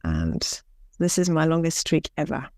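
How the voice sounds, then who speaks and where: A woman, a podcast guest with a lowish, gravelly voice. She talks in a cheerful way with a few hesitations. The sound is dry and close. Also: big pitch swings, a little slow, a little mellow, dry recording. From England. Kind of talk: casual self-introduction.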